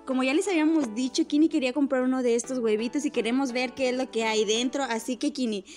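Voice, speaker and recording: A woman with a high voice hosts gameplay commentary for children. She speaks in a bright sing-song way, stretching words and using diminutives. Music plays clearly behind her. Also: fast talker. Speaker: host of a children's gaming video channel. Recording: music under the voice. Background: background music.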